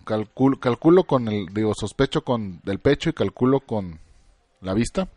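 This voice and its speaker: Mexican male co-host, animated, slang-heavy joker, dry sound. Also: fairly low pitch, moderate pace, dry recording. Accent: Mexican Spanish. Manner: joking, lots of slang, chimes in. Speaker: podcast co-host. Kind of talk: casual crude banter.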